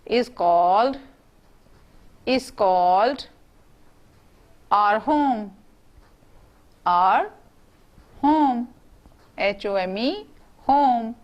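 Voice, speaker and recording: A woman teaching young students in an online class, speaking, spelling out words letter by letter and asking the class questions. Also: a little high.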